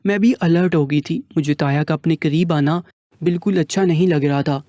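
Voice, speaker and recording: A man reading a first-person scripted story in a steady, earnest tone. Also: fairly high pitch, no echo, studio quality.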